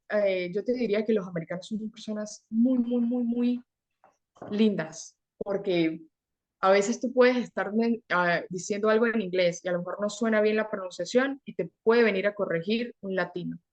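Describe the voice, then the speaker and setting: A young adult woman from Venezuela, a guest in an interview, telling her story in an earnest, animated way, often repeating words for emphasis. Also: medium pitch, normal speed, muffled recording. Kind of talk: conversational interview.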